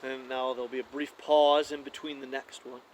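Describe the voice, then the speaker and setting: A man giving a casual how-to demonstration of hunting calls, talking in a relaxed, conversational way with frequent fillers and restarts. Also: medium pitch, normal speed, a little hiss or hum, low-quality recording.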